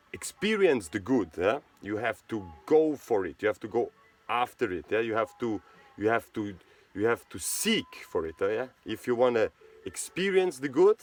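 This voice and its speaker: This casual monologue comes from the host of a charity video channel, a man from Switzerland with a low voice. His speech is halting, full of fillers and restarts as he hunts for the right words.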